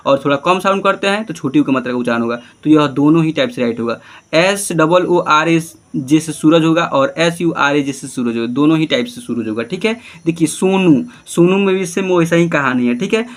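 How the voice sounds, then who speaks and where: Male online teacher, slightly high voice, patient, spells out names letter by letter. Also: a bit bright. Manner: often says "okay" and checks understanding.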